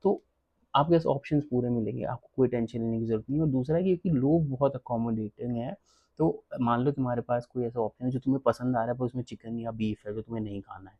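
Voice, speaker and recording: A man giving casual travel advice as a vlogger, blunt and animated, from India. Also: medium pitch, fast, no echo, highs cut off. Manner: blunt, animated, switches between Hindi and English.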